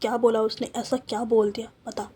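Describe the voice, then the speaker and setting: A woman's voice: a little high, little pitch movement, brisk, mellow, slightly rough. A woman voicing a blunt young woman who scolds her friend. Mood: scolding.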